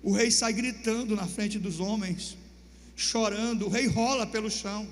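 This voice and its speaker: A pastor preaching, retelling a story dramatically with loud shouted bursts. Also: male voice, high voice, unhurried. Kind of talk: sermon storytelling. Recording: long reverb, faint hum.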